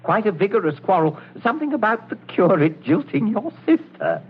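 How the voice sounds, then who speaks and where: An actor playing a wry, taunting English captain with a British accent and a mock-polite manner, in 1940s radio drama. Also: male voice, high-pitched, very animated. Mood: mock-polite needling. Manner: sardonic, unhurried, mock-polite. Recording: dull, hissy 1940s radio recording.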